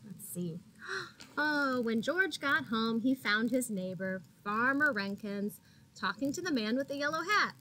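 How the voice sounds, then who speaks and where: A teacher with a fairly high voice reads a picture book aloud to young children slowly and deliberately, with faint noise in the background. Expressive and teacherly, she talks to the little listeners as friends, asks them questions, and gasps to build suspense.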